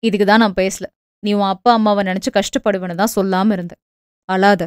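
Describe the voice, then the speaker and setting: A woman voicing a gentle young village man, a devoted son, speaking low and earnestly. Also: fairly even intonation, a little fast, clean tone, no room sound, clean studio sound, close to an everyday voice. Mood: tender.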